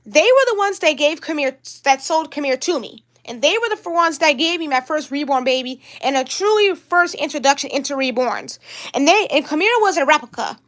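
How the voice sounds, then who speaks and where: A woman's voice: sits high, lively intonation, brisk, fairly bright tone. A young woman on a livestream vlog, talking in an upset, rambling way and repeating herself. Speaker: vlogger.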